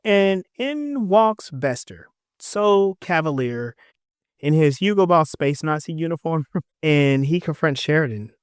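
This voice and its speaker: A man's voice: fairly high pitch, expressive, unhurried, clean tone, dry recording, studio quality. A man hosting a podcast, recapping an episode in a casual, joking way with slangy asides to his listeners. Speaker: podcast host.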